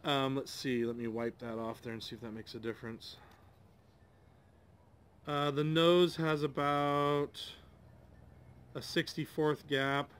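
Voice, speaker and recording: Here a forties-aged man who hosts a DIY channel chats through a relaxed tool review at a table outdoors. His voice sits at a medium pitch, a little bright, clear and resonant, and he wanders hesitantly, musing aloud and filling gaps with lots of ums.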